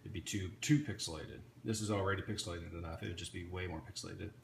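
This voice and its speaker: A man's voice: deep voice, fairly even intonation, quick pace, creaky. Casual man demoing gear in an echoey room. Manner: rambling, many restarts and fillers. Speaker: hobbyist showing an electronics kit. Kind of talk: casual off-the-cuff demo. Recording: echoey room with faint ambient noise.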